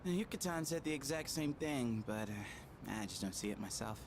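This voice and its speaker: Anime boy voice male actor: game schoolboy, slangy, self-deprecating, expressive pitch, noisy rumble. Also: normal speed, lightly acted. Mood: sincere. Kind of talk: dubbed anime game dialogue.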